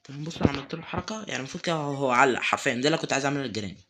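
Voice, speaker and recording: A man's voice: mid-range voice, expressive, very fast, background noise. A young man with an Egyptian Arabic accent commentating a horror game, nervously muttering prayers and taunting the game. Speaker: gaming YouTuber.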